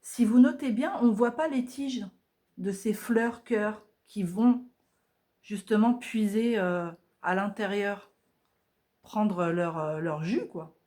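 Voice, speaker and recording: A woman's voice: mid-range voice, takes it slowly, warm tone. A woman vlogger talking casually through her art journal pages at home, chatty and hesitant, with many fillers.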